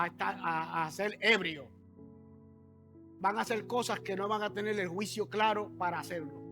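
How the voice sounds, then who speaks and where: High, bright-voiced pastor preaching. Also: male voice. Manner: conversational preaching with asides and questions to the congregation. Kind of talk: sermon. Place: church.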